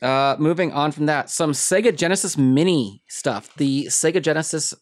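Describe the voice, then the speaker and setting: A woman co-hosting a casual gaming podcast, reading news items in a relaxed way with dry asides. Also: deep voice, normal speed. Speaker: podcast co-host. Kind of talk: casual chat.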